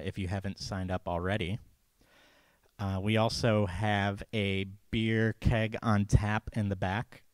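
A man's voice: fairly low pitch, no room sound. A man, casually hosting a live talk evening into a handheld microphone, joking and using many fillers. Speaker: event host. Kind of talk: casual live event introduction. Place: small event space indoors.

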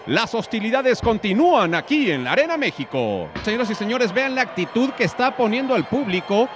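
A man with a Mexican Spanish accent delivering florid, theatrical, excited lucha libre wrestling commentary. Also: high-pitched, brisk. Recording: noisy arena behind the voice.

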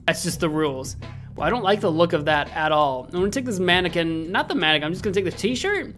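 A man's voice: on the high side, lively intonation, fast, fairly bright tone. A man in his thirties giving casual, jokey video game commentary, thinking aloud and repeating himself into a close desk microphone. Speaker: gaming host. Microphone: desk microphone close to the mouth. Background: faint game music.

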